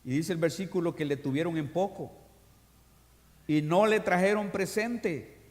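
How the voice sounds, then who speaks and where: A man with a high, ringing voice leads a church sermon, reading scripture aloud and turning to his congregation. He swings from loud, rousing proclamations to hushed, confiding asides. His words carry a long, lingering reverb through a large church hall. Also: unhurried. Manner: reads scripture aloud and addresses the congregation directly. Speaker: pastor. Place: church during an evening service.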